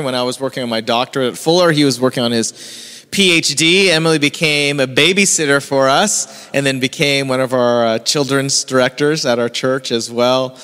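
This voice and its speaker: A man's voice: fairly high pitch, pushed and bright, clear, resonant tone. A man, the pastor, introducing a guest speaker to his church in a conversational, hesitant way. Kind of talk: casual introduction. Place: church sanctuary. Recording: long church reverb.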